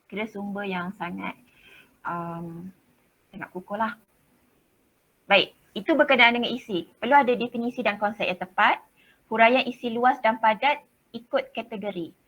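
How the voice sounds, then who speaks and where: A woman teacher with a Malaysian Malay accent explains how class presentations are marked, chatty and direct, sometimes slipping English words into her talk. Her voice is fairly high and a bit bright, at a moderate pace with long pauses, on a rough recording.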